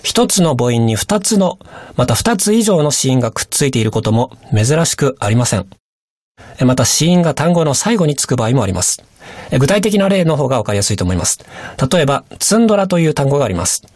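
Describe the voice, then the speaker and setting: A male teacher explains patiently and politely for a radio language lesson. His pitch moves in a lively, animated way. The sound is dry and close. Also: a little fast, no room sound.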